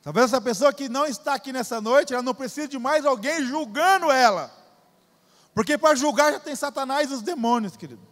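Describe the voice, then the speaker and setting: A man's voice: extremely high pitch, brisk, fairly bright tone, big-room sound. A Brazilian man preaching a sermon, emphatic and repetitive, calling the congregation "dear". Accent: Brazilian Portuguese. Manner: emphatic, repeats phrases, addresses crowd as "querido". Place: church.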